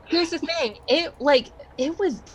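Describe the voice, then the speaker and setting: A woman's voice: sits high, unhurried, crowd noise, poor audio. A woman chatting informally as a player on a game stream. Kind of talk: casual chat.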